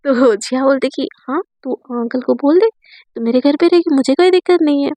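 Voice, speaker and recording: A woman narrating a romance story in a casual, chatty way, with a dry throat from fasting. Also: sits high, mellow, no room sound.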